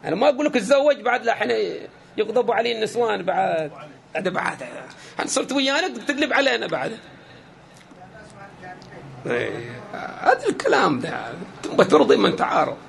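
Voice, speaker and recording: Male preacher, very high and swooping voice, joking and talking straight to the congregation. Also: very animated, a little fast, creaky, fairly bright tone. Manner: joking, addresses listeners directly, acts out quoted exchanges. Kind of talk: lively sermon to a congregation.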